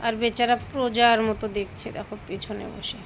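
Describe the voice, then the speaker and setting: A woman's voice: a little high, little pitch movement, moderate pace, slight background noise, poor audio. A woman vlogging about her pets at home, talking to viewers as friends and cooing sweetly to the animals. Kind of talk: casual pet vlog narration.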